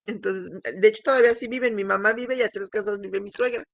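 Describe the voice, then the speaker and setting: A woman's voice: mid-range voice, steady tone, fast talker, gravelly, no room sound. A middle-aged woman, telling a candid, emotional personal testimony, with restarts and laughs. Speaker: speaker sharing her testimony.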